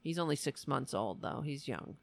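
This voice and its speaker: A woman hosting a live stream, chatting casually and haltingly as if thinking aloud. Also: low-pitched, animated, vocal fry. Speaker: host of a political live stream. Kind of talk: casual livestream chat.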